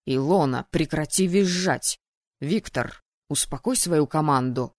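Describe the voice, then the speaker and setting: A woman reading an audiobook voices a stern male academy dean who gives curt, sharp reprimands. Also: low-pitched, a little slow, no echo, studio quality, voice pushed down.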